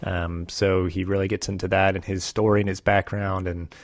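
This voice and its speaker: Low-voiced relaxed podcast host man. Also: normal speed, no echo. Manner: relaxed, many fillers. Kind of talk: casual podcast intro and interview.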